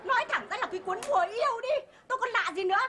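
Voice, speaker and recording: A woman plays a shrill, theatrical scold in a comedy sketch, her voice very high and fast. Crowd noise and hiss sit under her voice. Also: expressive. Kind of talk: comic sketch acting. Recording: noisy recording with crowd.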